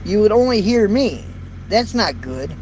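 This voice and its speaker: A man in his fifties, a truck driver, holds a casual live chat with viewers while parked in his cab, folksy and rambling with repeated words. His voice is light and high-pitched yet darkish in tone, sing-song and a little slow. The low-quality recording comes from a built-in phone or camera mic, with faint road and traffic noise.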